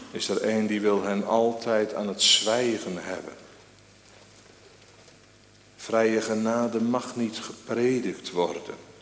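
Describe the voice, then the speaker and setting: A man preaching a sermon, rising to loud emphatic peaks and then dropping low and slow. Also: slight background noise. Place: church. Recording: echoey church hall with long reverb.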